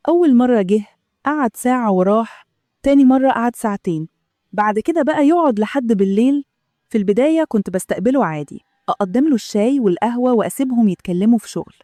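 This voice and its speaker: Egyptian woman narrating her story, steady and measured, highish voice but soft and mellow. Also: dry recording. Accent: Egyptian Arabic. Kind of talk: first-person story narration.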